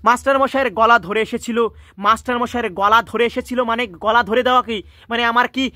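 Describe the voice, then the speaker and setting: A man teaching a class, with a fairly high and bright voice. He reads a story aloud, breaks off to explain its harder words and restates each line in everyday speech. The sound is close and dry. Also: steady tone, a little fast, dry recording. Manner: stops often to explain words and restate lines. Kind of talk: reading and explaining a story in a lesson.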